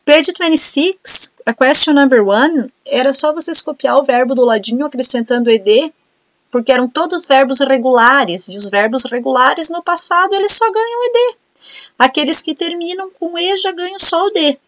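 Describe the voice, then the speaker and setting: A Brazilian woman English teacher going over homework answers, reading example sentences slowly and explaining them plainly. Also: high voice, animated, fairly bright tone, dry recording. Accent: Brazilian Portuguese. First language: Portuguese. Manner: reads example sentences slowly and clearly, explains briskly in Portuguese. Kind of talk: recorded homework correction for students.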